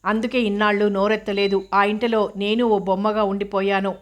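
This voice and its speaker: A calm, defiant older woman cook, as a narrator voices her in a storybook reading. She speaks firmly and steadily, her tone held flat and even. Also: medium pitch, brisk, lightly acted. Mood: resolute. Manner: steady, firm, solemn.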